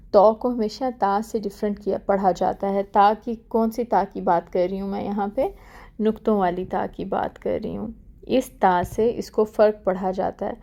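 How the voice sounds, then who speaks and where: A woman teaching Quran pronunciation in an online lesson. She explains quickly, then recites each example word slowly and more loudly, and often checks in with "theek hai". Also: mid-range voice, creaky.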